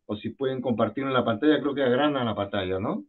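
A man's voice: mid-range voice, a little fast. A man with a Peruvian Spanish accent teaching an online French class, patiently repeating words and asking students questions over a video call. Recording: phone-like video call audio.

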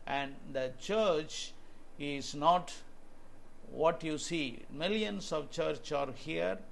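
A man's voice: on the high side, very slow, gravelly, a bit bright, a little hiss or hum. A man in his sixties with an Indian English accent preaching earnestly to camera in a small room, quoting scripture. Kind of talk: home video sermon.

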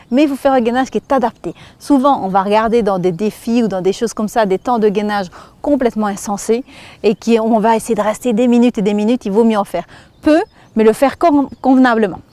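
Warm and fairly high-pitched, this Belgian French-accented woman in her thirties runs a fitness lesson as instructor. She counts and breathes her way through every move while demonstrating and explaining it.

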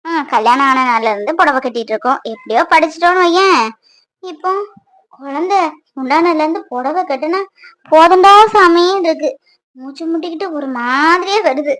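A woman's voice: sits high, moderate pace, long pauses, a bit bright, no echo. A woman voicing a chatty, playful pregnant young wife in a cartoon, who talks to her unborn baby.

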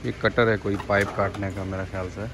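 A man's voice: lowish voice, level tone, fairly quick, noisy background. A man in his thirties from Pakistan vlogs casually while walking through a big hardware store, rambling and thinking aloud with fillers, recorded on a phone he carries. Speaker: vlogger. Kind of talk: casual walking-tour vlog. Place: big-box hardware store, indoors, then outdoor parking lot. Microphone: phone held by the walker, then at arm's length. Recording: loud music under voice.

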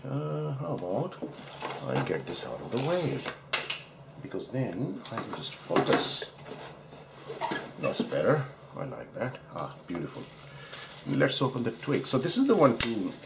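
A man's voice: mid-range voice, huge pitch swings, a little slow, gravelly, pauses often, very noisy. A man from Pakistan, a doctor, chatting casually through a razor unboxing at his desk, rambling and correcting himself as he admires the parts. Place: indoors at a desk, overhead camera.

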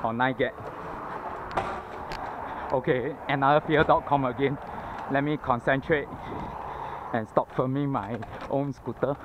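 On a scooter by a busy city road, a Singaporean vlogger chats in Singaporean English, pausing often and using fillers as he thinks, a little breathless from exertion. His medium-pitched voice keeps a steady tone and measured pace. The head-mounted action camera mic gives lo-fi audio with traffic going by.

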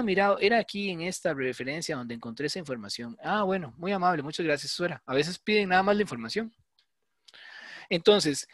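Fairly high-voiced man lecturing. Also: dry recording, clean studio sound. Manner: conversational, explains with frequent "¿verdad?" checks. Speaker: university lecturer. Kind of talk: online class lecture.

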